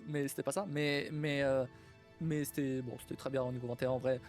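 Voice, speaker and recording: A man's voice: mid-range voice, fairly even intonation, fairly quick, a little mellow, soft background music. A young man chatting casually on a live stream, rambling through his work history and swearing freely. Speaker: streamer and game developer.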